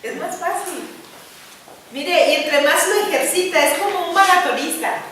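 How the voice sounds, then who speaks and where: A woman preaches in a high, clear voice, speaking earnestly and conversationally as she keeps checking that her listeners agree. She is heard from some distance, in a very echoey church hall with faint noise behind her. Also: moderate pace, a bit bright. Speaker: preacher at a women's gathering. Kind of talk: sermon.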